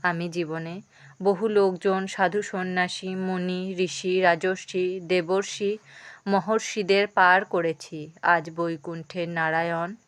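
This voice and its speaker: Humble devoted boatman, read by a woman, slow pleading lines, dry close sound. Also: fairly low pitch, a bit bright, clear, resonant tone, dry recording. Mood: devout. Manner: pleading, devout.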